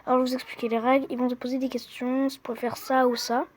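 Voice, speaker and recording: Young high-voiced gamer talking to viewers. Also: little pitch movement, quick pace, a little hiss or hum. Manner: chatty, slangy, talks to viewers. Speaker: gamer playing a quiz app. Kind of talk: casual gaming commentary. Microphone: phone microphone.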